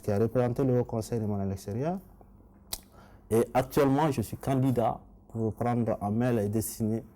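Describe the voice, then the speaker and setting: His voice is on the low side and mellow. He's a middle-aged election candidate from Mali, speaking with a Malian accent and responding earnestly and formally in an interview.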